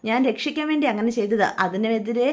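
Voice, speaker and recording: A woman's voice: a little high, brisk, lightly acted. A woman playing a firm, defiant young daughter. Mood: resolute. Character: resolute young daughter defending mother.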